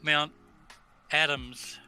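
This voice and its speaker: A man in casual flight-game chat, talking haltingly as he thinks aloud. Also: on the high side, flat delivery, bright, forceful tone, clean tone. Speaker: player in a group flight-simulator session. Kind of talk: casual chat while flying in a flight simulator. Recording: noisy voice chat with vehicle-like drone.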